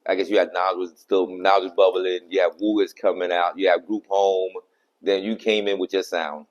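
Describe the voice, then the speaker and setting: A man's voice: low-pitched, little pitch movement, normal speed, muffled recording. A man hosting a podcast, asking questions conversationally and backing the guest with short "mm-hmm" cues. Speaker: podcast host. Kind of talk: casual interview chat.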